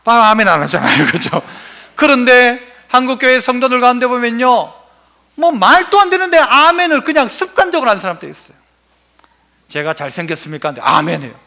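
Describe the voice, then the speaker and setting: A man's voice: very high voice, very animated, a little fast, vocal fry, sharp tone. A male pastor preaching a sermon, asking the congregation questions and answering them himself.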